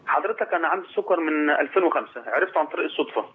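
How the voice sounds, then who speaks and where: A man's voice: a little high, lively intonation, racing, breathy edge. A man in his late thirties with an Egyptian accent, calling in by phone, hesitant and full of fillers. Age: 30s. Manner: hesitant, many fillers and restarts. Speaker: caller. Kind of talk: call-in phone conversation. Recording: tinny phone line.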